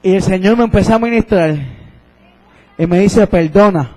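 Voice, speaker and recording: A man's voice: high voice, moderate pace, mellow, poor audio. A young man preaching a sermon and telling his own testimony, fervent and repeating phrases.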